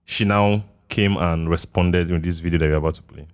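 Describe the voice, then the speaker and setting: A man's voice: low voice, fairly even intonation, brisk. A Nigerian man co-hosting a casual podcast chat, laughing often and slipping into pidgin. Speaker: podcast co-host.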